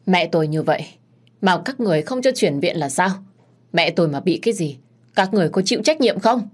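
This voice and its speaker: A woman voicing a pushy young daughter who shouts and scolds. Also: mid-range voice, normal speed, pitched above the performer's own voice, close to an everyday voice. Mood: angry shouting.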